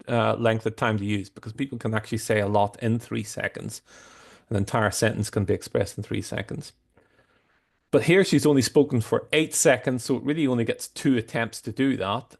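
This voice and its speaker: A man talks through a software demo in a low, gravelly voice. He explains patiently and often stops mid-sentence to start over. His tone is a tutorial presenter's. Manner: halting, explanatory, frequent restarts. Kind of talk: screen-share tutorial explanation.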